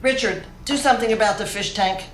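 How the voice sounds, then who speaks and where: A woman's voice: on the high side, brisk, natural voice. Lady playing a scolding wife, fussy and exasperated, roomy echo, music behind.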